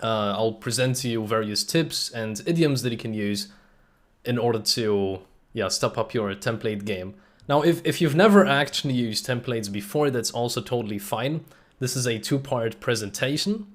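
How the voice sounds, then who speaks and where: A man's voice: mid-range voice, moderate pace. Casual man presenting a live coding talk. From Germany. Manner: casual, explanatory, frequent "uh" fillers, addresses chat. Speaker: host and presenter. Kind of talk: live-streamed technical presentation.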